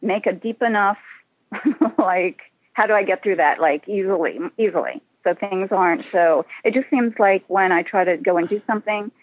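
A woman's voice: medium pitch, normal speed, no room sound. A woman calling in to a radio show over the phone. She talks hesitantly, repeats herself and sounds tired. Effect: phone-line caller on a radio show. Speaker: caller. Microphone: phone held to the mouth. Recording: tinny phone line.

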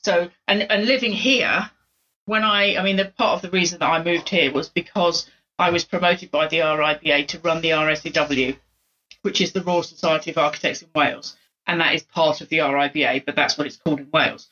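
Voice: mid-range voice, fairly even intonation, brisk, bright, forceful tone, muffled recording. An architect from South London, a guest on a podcast, talking conversationally with hesitant fillers. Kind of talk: casual chat.

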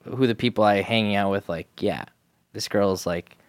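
A man's voice: fairly low pitch, normal speed, clear, resonant tone, no room sound. A young man guesting on a podcast, talking loosely with lots of fillers. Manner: loose, filler-heavy, many likes. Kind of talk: casual chat.

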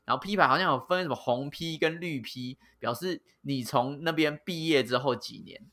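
A man's voice: fairly high pitch, moderate pace, sharp tone. A man with a Taiwanese accent chatting casually as a host, with a teasing, sarcastic manner and crude slang. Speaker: podcast host. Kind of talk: casual chat.

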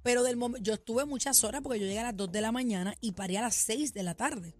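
A woman, in her late thirties or forties, chatting on a radio show in a lively, laughing, dramatic way. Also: on the high side, fast talker. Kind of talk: casual radio banter.

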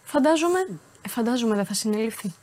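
A woman co-hosting a sports talk show, presenting news items in casual banter, chatty and quick to laugh along. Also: a little high, expressive, over a noisy crowd. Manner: chatty, laughs easily, plays along with teasing.

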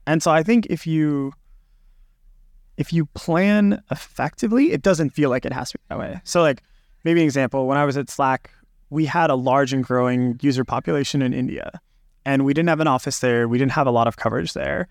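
A man's voice: mid-range voice, brisk, no room sound, clean studio sound. A man who is a podcast guest, talking over research practice in a reflective, loose way with many fillers and restarts. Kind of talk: casual podcast conversation.

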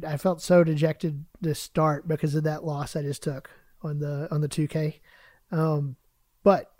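Chill casual podcast guy, soft mellow tone, dry close sound, just chatting with his cohost. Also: on the high side, no echo. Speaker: podcast co-host.

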